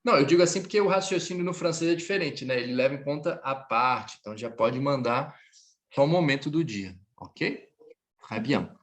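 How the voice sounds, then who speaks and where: Lively Brazilian man teaching French. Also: mid-range voice, fairly quick. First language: Portuguese. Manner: explains patiently, switches between French and Portuguese. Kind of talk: live online French lesson.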